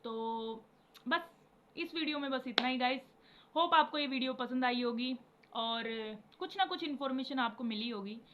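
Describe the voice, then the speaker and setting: A woman's voice: high-pitched, moderate pace. A tired young woman talking casually and rambling to her viewers about devotion, mixing English words into her Hindi and chanting repeated syllables now and then. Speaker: spiritual vlogger. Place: home. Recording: dull lo-fi recording with faint background noise.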